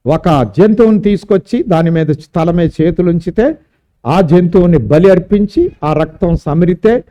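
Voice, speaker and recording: A man's voice: high-pitched, mellow. A man preaching a sermon at a church service, emphatic and drawing out key words. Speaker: pastor.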